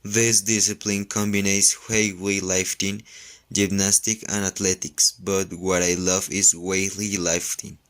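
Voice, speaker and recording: Man, 22, slow pace, careful reading. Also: sits low, little pitch movement, a bit bright. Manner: careful, reads in short phrases. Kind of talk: reading a self-introduction.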